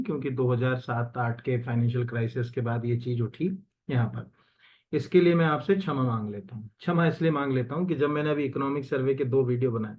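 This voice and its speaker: A man's voice: medium pitch, phone-quality sound. A man teaching as an exam coaching teacher, walking through answers in a casual, conversational way with many fillers and self-corrections, mixing English terms into Hindi. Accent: Hindi with English terms mixed in. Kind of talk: explaining exam answers while screen-sharing.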